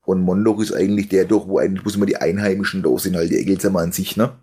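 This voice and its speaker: A man's voice: sits low, little pitch movement, racing, warm tone, slightly rough. A young man telling rambling, laughing anecdotes in a casual stream chat. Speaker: stream host telling a story.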